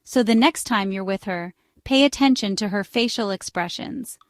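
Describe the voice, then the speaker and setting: A woman's voice: medium pitch, moderate pace, no echo, clean studio sound. A woman narrating scripted relationship advice, chatty and speaking straight to the listener. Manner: chatty, direct address to the listener.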